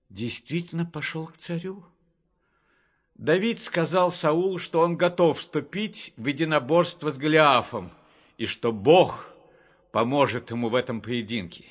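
Slow husky male storyteller. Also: medium pitch. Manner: measured and expressive, slow. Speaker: narrator. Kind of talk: storybook Bible reading. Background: faint music.

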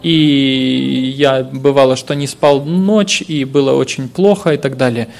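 A man's voice: mid-range voice, fairly even intonation, a little slow, creaky, a little mellow. A man preaching a sermon, telling of his own hardships in an earnest, heartfelt way with hesitant fillers.

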